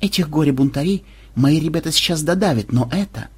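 Чтец играет хитрого злорадного офицера, сухо и негромко, с хрипотцой. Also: male voice, fairly high pitch, animated, brisk, husky, voice pushed up. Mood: wry. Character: sly, gloating male ship officer.

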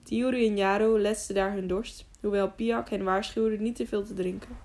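A woman narrating a children's novel as an audiobook, reading in a calm, steady way. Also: medium pitch, moderate pace. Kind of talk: scripted narration.

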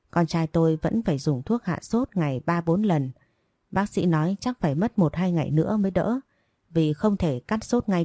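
A woman narrating a first-person audiobook story in a measured, even reading. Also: deep voice, no room sound.

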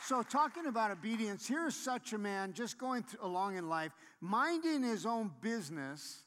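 Emphatic preacher in a reverberant hall. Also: male voice, high voice, big pitch swings, normal speed, a bit bright. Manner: emphatic, repeats key points, rises to exhortation. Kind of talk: sermon.

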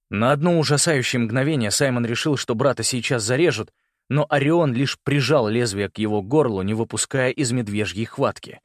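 A man narrating a fantasy audiobook with a dramatic, expressive reading, close to the mic. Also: mid-range voice, no room sound. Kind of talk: scripted narration.

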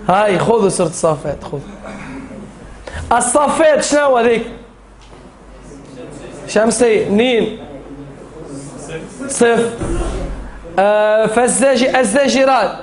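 A man's voice: sits high, lively intonation, a little slow, long pauses. A man with a Tunisian Arabic accent teaching a Quran recitation class, drilling the students and chanting the rules in verse.

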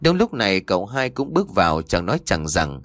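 A man narrating a dramatic audiobook story with an expressive reading. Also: sits low, a little fast, no echo, clean studio sound.

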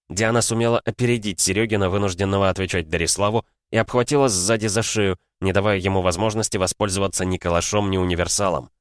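A male audiobook narrator with a lowish voice. His reading is steady and measured. The recording is dry, with the mic close. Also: dry recording. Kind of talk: audiobook narration of science fiction. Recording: dry close studio sound.

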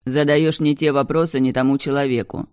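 A man's voice: medium pitch, little pitch movement, fairly quick, a little mellow, smooth, no echo, clean studio sound, lightly acted. A reader voicing a cold, menacing powerful man who answers curtly in an audiobook. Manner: icy, curt, venomous. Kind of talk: audiobook dialogue.

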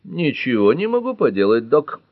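A man's voice: mid-range voice, sing-song, normal speed, no echo, narrow, tinny audio, pitched above the performer's own voice. A man reading an audiobook, voicing a stubborn middle-aged police chief in a firm, insistent way.

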